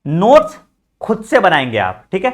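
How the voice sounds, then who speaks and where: Man, teacher, casual study advice, direct, frequent check-ins, slightly high voice. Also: wildly swooping pitch, moderate pace. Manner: frequent "theek hai" check-ins, addresses students as beta; direct, teacherly, mixing English phrases. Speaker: exam coaching teacher.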